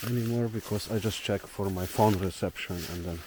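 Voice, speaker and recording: A young man with a Slovenian accent and a low, deep voice chats in a relaxed, rambling way as he hikes alone. He is recorded outdoors in a forest. Clear outdoor nature ambience sits behind his voice. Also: brisk, background noise. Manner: relaxed, thinking aloud while hiking. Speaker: solo traveler vlogger. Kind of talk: casual walking vlog.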